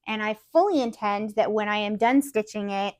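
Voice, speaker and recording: Another podcast co-host, a woman with a mid-range, slightly mellow voice, talks at a moderate pace about her cross-stitch projects. She rambles, restarting often and using fillers, and her voice is going a bit. The sound is dry and studio-clean.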